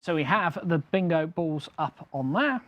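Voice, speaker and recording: A man's voice: a little high, expressive, normal speed, a bit bright, dry recording, lo-fi sound. A man hosting a live game as a bingo caller, announcing numbers in repeated traditional patter.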